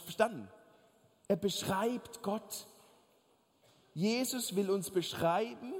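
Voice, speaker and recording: A man preaching a sermon, telling a story in an animated way and speaking straight to his listeners with jokes. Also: high voice, slightly rough. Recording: long reverb of a large hall.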